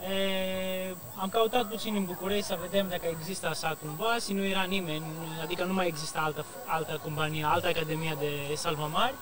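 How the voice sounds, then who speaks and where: A man with a fairly high-pitched voice and a Greek accent. He talks casually in simple, slightly broken phrases as a non-native speaker, with a crowd audible around him. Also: little pitch movement, hardly any pauses. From Greece. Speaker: lifeguard academy administrator. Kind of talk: casual live interview.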